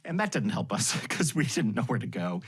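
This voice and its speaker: A man guesting on a podcast, telling anecdotes in an animated way and laughing often. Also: mid-range voice, a little fast, breathy edge. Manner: animated storyteller with frequent laughs. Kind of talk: anecdotal storytelling in conversation.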